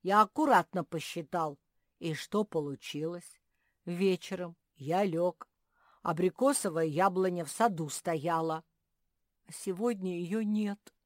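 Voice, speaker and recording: A woman voicing a loud, stubborn, boastful bear cub boy in a storybook reading. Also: on the low side, measured pace, no room sound, studio quality, lightly acted. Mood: telling. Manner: shouting, insistent.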